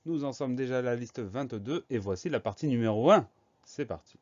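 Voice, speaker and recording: A man teaching a French spelling lesson, going through each word slowly and spelling it out letter by letter. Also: medium pitch, animated, muffled recording. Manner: slow, methodical, spelling words letter by letter.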